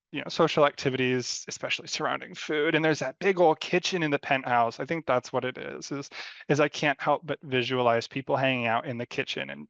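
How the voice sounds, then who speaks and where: A man gives friendly design feedback in a rambling, unscripted way, with lots of fillers and light self-deprecating humor. His voice has a gravelly texture. The recording is dry and a little dull and lo-fi. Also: medium pitch, a bit bright, no echo. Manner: rambling, loose delivery with many fillers. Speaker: mentor giving design feedback. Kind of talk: live design critique, casual and unscripted.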